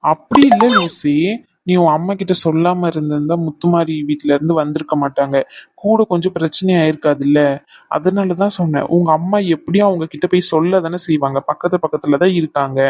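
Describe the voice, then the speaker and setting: A woman's voice: sits low, a little fast, no echo, clean studio sound. A woman voicing a pleading young cartoon husband. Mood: teasing. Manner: coaxing, teasing and pleading. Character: young husband apologizing to his upset wife. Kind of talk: cartoon voice acting.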